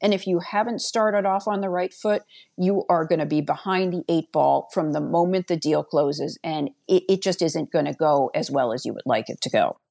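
A woman's voice: sits low, moderate pace, gravelly, mellow. A woman giving earnest, plainspoken interview answers as a podcast guest. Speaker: podcast guest, healthcare business executive.

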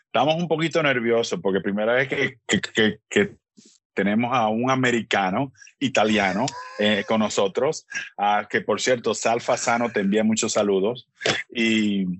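A man co-hosting a sports podcast, talking in relaxed, friendly conversational Spanish. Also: lowish voice, moderate pace, dry recording. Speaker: podcast co-host. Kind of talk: podcast interview.

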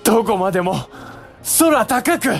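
A man playing a samurai herald, a general's younger brother, proclaiming loudly like a town crier in a period drama. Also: very high voice, lively intonation, moderate pace, faint music behind. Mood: exalted. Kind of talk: period audio drama acting.

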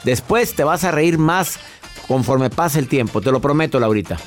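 Guy hosting a radio advice show, bit high voice, jokey and direct, faint music under him. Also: lively intonation, normal speed. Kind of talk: casual advice talk.

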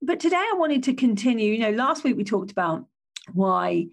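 A woman hosts her own business podcast in a slightly croaky, a little high, sing-song voice at normal speed. She talks in a chatty way and often corrects herself.

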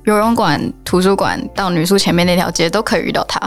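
A woman's voice: on the low side, fast talker, faint music behind. A young woman with a Taiwanese Mandarin accent, sharing anecdotes as a student guest in a casual chat. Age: young adult.

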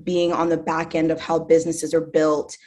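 A Zimbabwean woman in her thirties, an artist manager, is a guest in a casual interview conversation, speaking enthusiastically with many fillers. Her low voice is completely flat in delivery, warm in tone, at normal speed.

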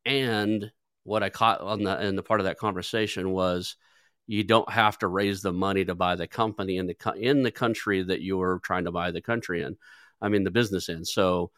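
A podcast host interviews in a relaxed, conversational way, often stumbling, restarting and saying "like." His voice is deep and fairly bright, steady in tone and a little fast, in a dry, clean studio recording.

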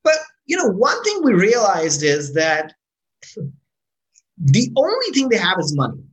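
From Pakistan, a startup founder chats casually in an interview over poor audio, speaking a little slowly. His pitch moves a lot and his voice is animated and expressive, and he often restarts words and leans on tag questions like "right?" to keep the listener in step.

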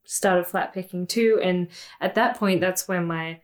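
A woman's voice: fairly low pitch, a little slow. A woman with an Australian accent, a musician telling her story in a casual interview, chatty with frequent ums. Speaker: musician guest.

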